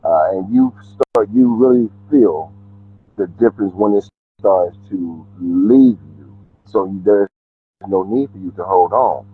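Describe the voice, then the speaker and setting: A man's voice: sits low, a little slow, husky, dry recording. A middle-aged man talking in a laid-back, candid way over a call, his voice muffled as if heard through a wall. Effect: muffled, as if heard through a wall, from earbuds on a call. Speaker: family member calling into a talk show. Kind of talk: casual chat. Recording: muffled phone-like call audio.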